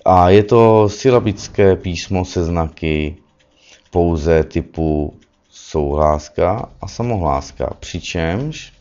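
Low-voiced man lecturing, muffled recording. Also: darkish tone. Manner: lecturing, with frequent self-corrections and "že ano" tags. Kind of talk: spoken lecture. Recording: dull lo-fi recording with faint music behind.

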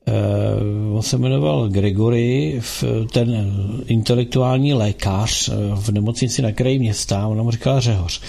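Gravelly husky male radio host. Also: fairly low pitch, dark tone. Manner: rambling, halting, with frequent filler sounds. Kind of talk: casual call-in radio talk.

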